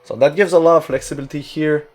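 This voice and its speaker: A man's voice: fairly high pitch, fairly even intonation, fast talker, soft background music. French-Canadian man musing over a deck. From Quebec, Canada. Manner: thinking aloud, frequent filler words and restarts. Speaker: streamer. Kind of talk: casual card-game deck commentary.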